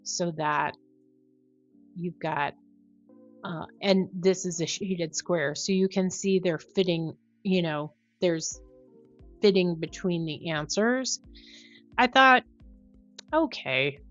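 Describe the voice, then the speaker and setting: A woman thinking out loud in casual commentary on a puzzle, musing and questioning herself as she explains. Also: fairly low pitch, slow, long pauses, dull audio, faint music behind. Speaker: host of a crossword solving video.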